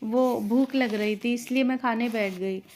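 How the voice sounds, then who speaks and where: A woman voicing a meek, patient young daughter-in-law who answers softly and apologetically. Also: on the high side, a little slow, natural voice. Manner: soft, apologetic.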